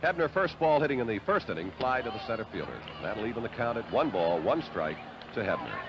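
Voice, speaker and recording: A man calling baseball play-by-play in a classic, measured announcer style, on old 1970s broadcast audio. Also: on the low side, sing-song. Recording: dull, noisy vintage 1970s broadcast audio. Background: loud stadium ambience and noise.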